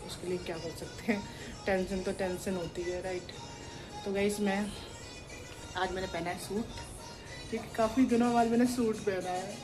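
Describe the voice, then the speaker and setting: A woman's voice: mid-range voice, poor audio. A young woman filming a casual home vlog, chatting and rambling straight to the camera on a clip-on mic indoors. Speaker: vlogger.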